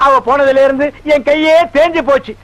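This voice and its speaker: An actor playing a loud, theatrical village father in a comedy film, exclaiming and scolding his son. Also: extremely high pitch, level tone, brisk, poor audio. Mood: devotional. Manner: loud, exclaiming, sing-song praise. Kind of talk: Tamil film comedy acting.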